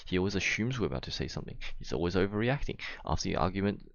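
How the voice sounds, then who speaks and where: A young man, a gamer and vlogger, talks to camera about a dispute with his friends, explaining himself casually in a rambling, slangy way with some swearing and frequent check-in tags. His voice sits low and is gravelly and sing-song, and he speaks very fast. The recording is muffled, with no room sound.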